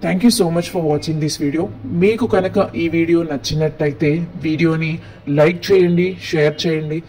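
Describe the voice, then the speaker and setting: A man with a Telugu accent teaching spoken English, saying each phrase slowly and clearly, then explaining quickly in Telugu. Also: on the high side, steady tone, a little mellow, poor audio. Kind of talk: language lesson, slow model phrases with translations.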